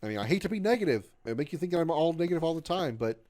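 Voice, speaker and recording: A game streamer in his thirties races through casual chat with his viewers, his fairly high voice expressive and darkish in tone. He rambles, repeats himself, stumbles over phrases, and mopes through self-deprecating remarks.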